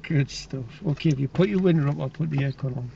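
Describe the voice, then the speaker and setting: A man's voice: medium pitch, fast talker, gravelly. A man working as a driving instructor, chatting, teasing and giving directions in a casual way from inside a car. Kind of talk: casual instruction during a lesson. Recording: distant, dull, noisy car interior.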